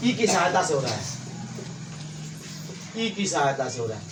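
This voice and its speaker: A man's voice: on the high side, very animated, normal speed. A man teaching English grammar to a class, repeating points and quizzing his students. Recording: echoey room, faint hiss.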